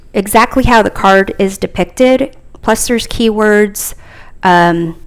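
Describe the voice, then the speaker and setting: A woman's voice: on the low side, clear, resonant tone. A woman reviewing tarot decks in a casual chat, talking hesitantly and thinking aloud with frequent fillers.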